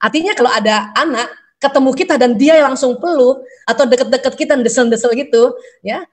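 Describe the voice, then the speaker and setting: A middle-aged woman giving a parenting seminar, asking rhetorical questions and acting out short lines of parents and children. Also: on the high side. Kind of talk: lecture to an audience.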